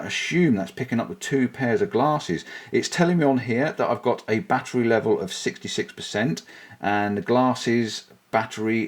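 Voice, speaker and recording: A man with a medium-pitched, slightly rough voice runs through a casual gear demo for his vlog, commenting on his thoughts as he tests things. Part of it happens outdoors on a bike, the rest indoors.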